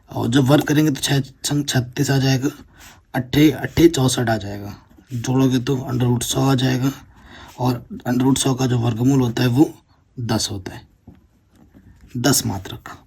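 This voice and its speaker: A male maths teacher works through exam problems step by step and keeps checking that his students are following. His voice is gravelly and a little husky. He sits at a middle pitch for a man. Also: fairly even intonation, measured pace, long pauses, a little mellow. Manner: explains step by step, keeps checking with "theek hai na". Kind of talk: board-exam maths lesson.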